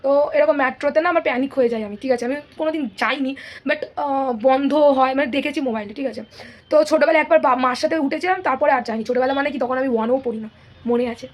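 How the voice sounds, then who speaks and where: A woman's voice: sits high, fast talker. An eighteen-year-old woman vlogging at home in a rambling, casual way, restarting sentences, mixing in English words and often checking "okay?". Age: late teens. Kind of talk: casual chatty vlog. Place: home, near kitchen.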